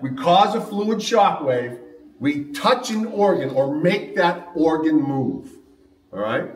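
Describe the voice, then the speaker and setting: High-voiced man teaching martial arts. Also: recorded from a distance, slight background noise. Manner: frequent "all right?" and "okay?" checks to the class; jokey, upbeat and encouraging. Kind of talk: seminar teaching with demonstration. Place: large training hall. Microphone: camera mic from a distance. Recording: echoey hall recorded from afar.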